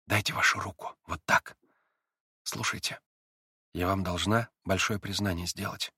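A man reading an audiobook, voicing an emotional, shy and teasing teenage girl who swings quickly between moods. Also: a little high, expressive, no echo, clean studio sound, voice pushed up. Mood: hushed.

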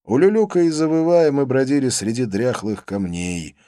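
A man's voice: medium pitch, moderate pace, warm tone, no room sound, clean studio sound. A man narrating a first-person novel as an audiobook, reading expressively.

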